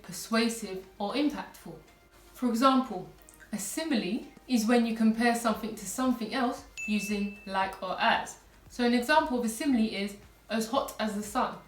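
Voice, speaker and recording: A woman's voice: a little high, far from the mic. A woman English teacher giving a patient, step-by-step online lesson to students. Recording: echoey room, voice a little off-mic.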